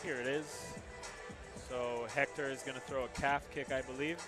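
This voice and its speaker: A man's voice: medium pitch, steady tone, moderate pace, over music. A man commentating on mixed martial arts as a fight commentator, often repeating words for emphasis. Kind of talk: MMA commentary.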